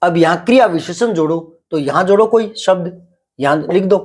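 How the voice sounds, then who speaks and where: A middle-aged man teaching Hindi grammar, explaining patiently, repeating example sentences slowly and quizzing a pupil. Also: high-pitched, darkish tone. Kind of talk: classroom grammar lesson.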